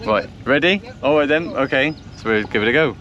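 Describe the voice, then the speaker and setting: A man presents a casual outdoor vlog beside a vehicle in the countryside, thinking aloud and hesitating as he talks to camera and does radio check chat. His mid-range voice is fairly quick with a sharp tone, and the audio is dull, with noisy vehicle sounds behind him.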